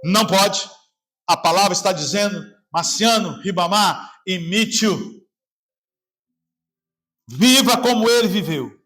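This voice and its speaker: A man with a Brazilian Portuguese accent, preaching a sermon as pastor, swinging between shouting and a quiet, lowered voice. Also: animated, takes it slowly, long pauses. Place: church service.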